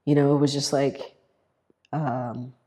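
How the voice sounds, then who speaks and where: A woman sharing a personal story in a halting way, with many fillers and restarts. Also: rumbling low, flat delivery, dark tone. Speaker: guest sharing her experience. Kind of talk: personal testimonial.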